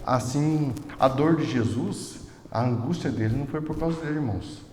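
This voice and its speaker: A man with a Brazilian Portuguese accent preaching a sermon as pastor, moving between soft storytelling and loud, emotional preaching. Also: mid-range voice, moderate pace, slight background noise. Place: church hall. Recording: echoey hall with long reverb.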